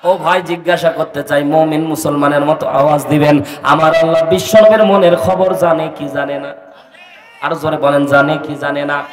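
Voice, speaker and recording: A high-voiced man delivers a rousing sermon, shouting refrains and urging the crowd to answer him louder. His voice booms through a public address system with a long, echoing reverb, caught from some distance away. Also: steady tone, normal speed. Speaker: preacher. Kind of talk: Bengali waz sermon. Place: outdoor religious gathering.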